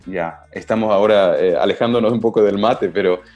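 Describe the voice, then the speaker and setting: A man's voice: lowish voice, a little fast, a little mellow, muffled recording, soft background music. A man from Germany with German as his first language, a podcast guest speaking thoughtfully with hesitant fillers. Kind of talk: casual conversation.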